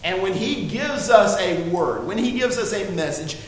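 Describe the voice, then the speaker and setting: A man with a high-pitched voice leads a Bible lesson. He speaks earnestly and presses his points hard, with frequent fillers and restarts. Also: expressive, moderate pace, slight background noise, poor audio. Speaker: Bible teacher. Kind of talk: Bible study teaching.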